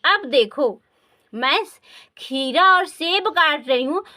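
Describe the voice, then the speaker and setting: A woman's voice: high-pitched, animated, slow, pushed and bright. A woman with an Indian accent teaching spoken English, a native Hindi speaker who repeats words and keeps asking the listener questions. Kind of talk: classroom-style language lesson.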